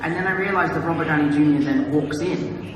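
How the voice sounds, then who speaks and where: A man telling an earnest, excited story about meeting a hero on set. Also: on the high side, a little fast, distant mic, background noise. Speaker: actor in press interview. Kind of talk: recounting a memory. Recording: echoey hall with music behind.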